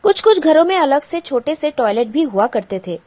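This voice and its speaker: A woman's voice: sits high, big pitch swings, normal speed, a little mellow. A woman teacher patiently explaining a school textbook chapter to children, glossing English words and asking the pupils questions.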